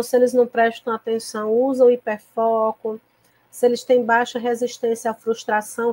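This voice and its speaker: A woman teacher from lectures other teachers on a video call, her voice sitting a little higher than most women's. She explains calmly and patiently, often pausing to check that her listeners follow. Her throat sounds tickly, as if she needs to cough. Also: no room sound. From Piauí, Brazil. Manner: calm, patient explaining with frequent checking tags. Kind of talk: recorded online lecture to teachers.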